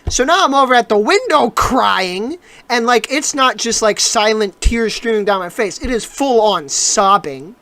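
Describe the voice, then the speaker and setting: On a laid-back podcast, a young adult co-host spins a long personal story, rambling through fillers and restarts and growing animated as it builds. Her pitch stays mid-range and her pace runs a little slow with hardly any pauses. There's no room sound.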